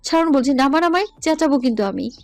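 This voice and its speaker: Woman voicing a stubborn teasing young student, defiant, high voice, dry close sound, soft music. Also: expressive, fast talker, no echo. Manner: defiant, sulky, playful. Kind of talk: audio love story acting.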